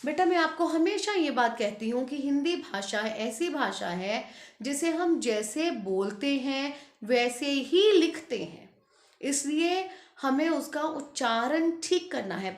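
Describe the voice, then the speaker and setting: A middle-aged woman teacher with a high voice, walking pupils through a grammar lesson. She speaks slowly and patiently, drawing out each example word. The sound is roomy and echoey. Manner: patient, addresses pupils as beta, stretches out example words. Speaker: school Hindi teacher. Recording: echoey room.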